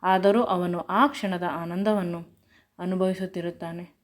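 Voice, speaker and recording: A woman storyteller narrates a serialized romance in a steady, unhurried reading. Her voice sits somewhat low for a woman.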